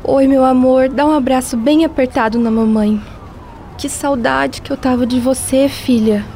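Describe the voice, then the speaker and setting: A woman's voice: high-pitched, fairly even intonation, moderate pace, background noise. A Brazilian actress playing a tender, earnest mother and music teacher in a radio soap opera. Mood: moved, joyful.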